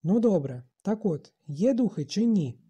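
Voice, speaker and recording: An audiobook narrator voicing an earnest, insistent boy leading a group, in a dark husky voice. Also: medium pitch, lively intonation, measured pace, lo-fi sound.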